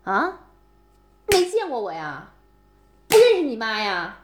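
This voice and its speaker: Unhurried, with a fairly high voice and huge pitch swings, a woman acts out a scornful young woman sneering at her ex-boyfriend in a solo audio roleplay. She mocks, swears, piles on insults, and keeps jeering "啊？".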